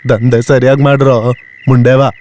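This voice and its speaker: An actor playing a coarse, bossy gang boss who scolds the group over money. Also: male voice, medium pitch, flat delivery, moderate pace, darkish tone, natural voice. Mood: scolding. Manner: coarse scolding, then coaxing. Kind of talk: film drama acting.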